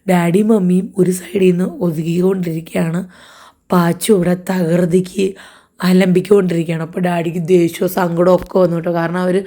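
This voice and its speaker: A young woman with a hoarse voice and a blocked nose, narrating her day in a casual family vlog. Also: lowish voice, warm tone. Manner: chatty, rambling daily-life narration. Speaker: family vlogger.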